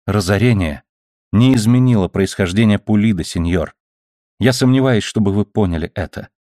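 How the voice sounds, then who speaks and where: Man putting on a proud young senorita, offended and firm, voice nudged a bit higher. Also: moderate pace, no echo, studio quality, natural voice. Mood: scornful. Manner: firm, offended, sharp retorts. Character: proud, indignant young noblewoman. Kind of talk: audiobook character reading.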